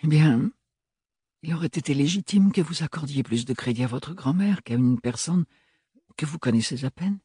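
A man's voice: on the high side, expressive, normal speed, dark tone, husky, no echo, clean studio sound, voice pushed up. A man voicing a timid, earnest young woman in an audiobook reading, with a hesitant, stammering manner.

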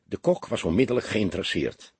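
A man narrating a detective audiobook in an expressive storytelling manner. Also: lowish voice, brisk, husky, no room sound.

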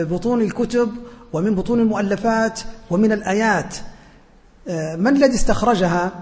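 A man teaching as a sheikh, answering students' questions in an earnest, humble way with frequent hesitant pauses. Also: sits high, a little mellow, long reverb tail. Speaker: sheikh teaching a religious lesson.

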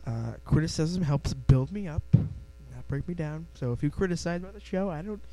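On a close desk mic at home, a young Midwestern-accented man hosts a casual solo podcast, rambling self-deprecatingly with plenty of restarts. His voice is a little high and dark in tone, at normal speed, and the poor-quality audio has faint music behind it.

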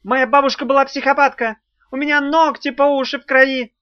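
The squeaky demon Tukhlamon. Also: male voice, wildly swooping pitch, moderate pace, no room sound, highs cut off, full character voice. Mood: squeaky mockery. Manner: whiny and fawning, shrill outbursts. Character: squeaky, fawning, spiteful little male demon.

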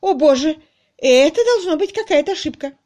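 A woman voicing a fussy, panicky spinster who squeals in a very high voice. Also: very animated, takes it slowly, full character voice. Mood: distraught.

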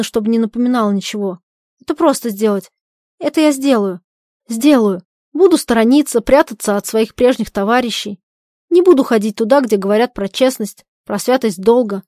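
A woman reads out a young idealist husband, torn between honor and his wife's wishes. He pleads and breaks into loud, anguished shouts. The voice sits fairly high, in a dry, close recording. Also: no echo, lightly acted. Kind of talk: dramatic reading of a stage play.

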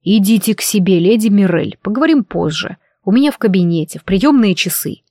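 A woman's voice: mid-range voice, expressive, brisk, dark tone, dry recording, lightly acted. Give me a cold, curt emperor as a woman reads him, firm commands, dry sound. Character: stern grown male emperor, curt and cold.

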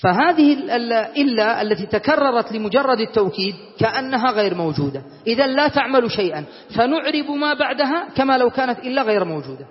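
A man teaching a classroom grammar lesson, often quizzing his students and reciting verses slowly and deliberately. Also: very high-pitched, expressive. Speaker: teacher explaining Arabic grammar. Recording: lo-fi, reverberant classroom recording.

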